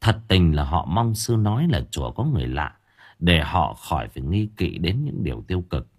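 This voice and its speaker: A man narrating a serialized audiobook story with expressive, varied intonation. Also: deep voice, normal speed, slightly rough.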